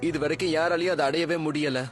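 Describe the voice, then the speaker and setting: A man voicing an excitable young boy in a cartoon dub, eager and impatient. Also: a little high, quick pace, soft background music, close to an everyday voice. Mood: realizing. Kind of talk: amateur cartoon dubbing.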